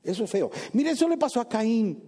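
A man preaching a sermon as pastor in a church, lively, asking the congregation questions and acting out little scenes. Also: very high voice, brisk.

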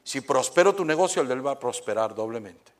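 A man preaching voices a mysterious voice that speaks in a dream, low, hushed and deliberate. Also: animated, natural voice. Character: mysterious low voice in a dream, offering any wish.

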